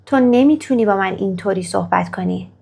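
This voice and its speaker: Gravelly-voiced woman teaching English slowly. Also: medium pitch, warm tone. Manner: slow, careful model sentences in English, then Persian explanation; coaxing, praises the viewer after each exercise. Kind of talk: Persian-language English grammar lesson.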